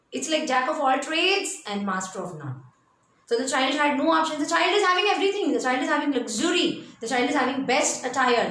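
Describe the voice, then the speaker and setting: A high-voiced woman with an Indian accent gives a motivational talk in a very echoey room. She tells stories with animation and hammers points home by repeating her phrases, over faint background noise. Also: a bit bright. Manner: emphatic, repeats phrases for effect; switches between English and Hindi. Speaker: speaker at a parents' seminar.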